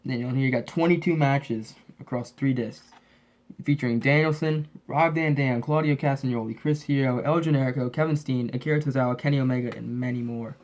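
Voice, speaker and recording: A man's voice: medium pitch, fairly even intonation, brisk, a little mellow. A man with a lisp from braces and a slightly sick, sniffly voice, chatting casually and ramblingly as he shows off his collection as a host. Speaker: host of a wrestling DVD collection update. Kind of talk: casual, rambling show-and-tell chat.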